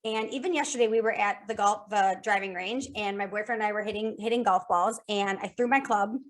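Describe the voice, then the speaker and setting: A woman guest on a podcast, talking about sales in a casual, energetic way, repeating phrases in lists and often restarting. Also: medium pitch, a little fast.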